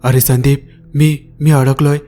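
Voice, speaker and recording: A man doing a scared young man in a spoken horror tale. He is lost at night and asks shaky, pleading questions. The voice stays dark and mellow. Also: medium pitch, steady tone, measured pace, faint music behind, lightly acted. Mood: frightened.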